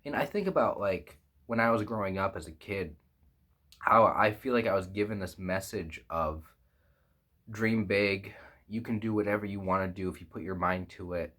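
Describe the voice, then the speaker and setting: A twenty-five-year-old man vlogs candidly into his phone camera at close range from a small foam-lined room, reflective and rambling, with plenty of fillers and restarts. His voice is lowish, pushed, and bright, at a moderate pace.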